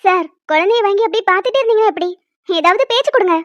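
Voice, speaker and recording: A woman doing a very high-voiced, reassuring motherly nurse. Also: lively intonation, racing, over loud music. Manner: reassuring, instructive. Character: motherly nurse, mother of two, calm and practical. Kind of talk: amateur animated drama. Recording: dry, slightly dull lo-fi.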